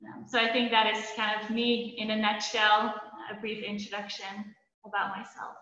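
A woman's voice: mid-range voice, monotone, moderate pace, pushed and bright. A woman from the Netherlands, raised in Belgium, answering interview questions in an earnest, reflective way. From Netherlands, grew up in Belgium. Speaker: guest. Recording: muffled echoey room sound.

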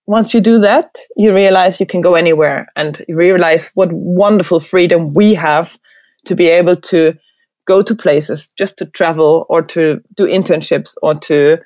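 A middle-aged German woman with a German accent, a design professor speaking as an interview guest, animated and thoughtful, laughing often. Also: lowish voice, normal speed, dry recording. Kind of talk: reflective conversational interview.

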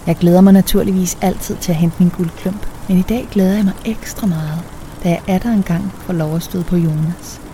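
A woman's voice: on the low side, warm tone. A young adult woman reading a first-person story aloud in a conversational way, lightly acting out the dialogue. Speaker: audiobook narrator.

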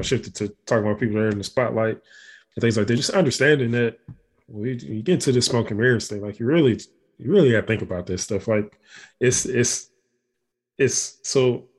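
A man's voice: medium pitch, darkish tone. A man co-hosting a podcast, talking in a loose, rambling way with many restarts. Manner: rambling, frequent restarts and fillers. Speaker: podcast co-host. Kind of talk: casual conversation.

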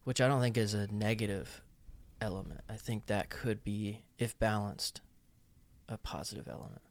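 A man co-hosting a podcast in casual chat, joking and halting as he goes. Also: lowish voice. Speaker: podcast co-host, counselor.

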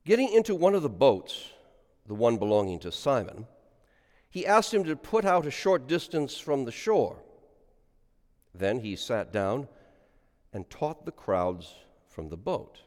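A man's voice: medium pitch, measured pace. Man preaching in a cathedral echo. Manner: lively sing-song delivery, rising on quotes. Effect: long cathedral echo. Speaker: priest. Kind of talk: gospel reading and homily. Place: large church. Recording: long church reverb.

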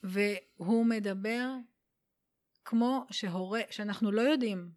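A woman guest on a podcast, explaining spiritual ideas in an unhurried, warm way and dropping in English phrases. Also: mid-range voice. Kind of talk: casual explanatory conversation.

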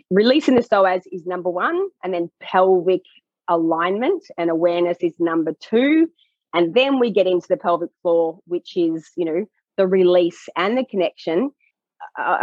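A woman pelvic health coach explaining her work in a podcast conversation, animated and acting out what clients say. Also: on the low side, dry recording, highs cut off. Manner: animated, acts out clients' voices.

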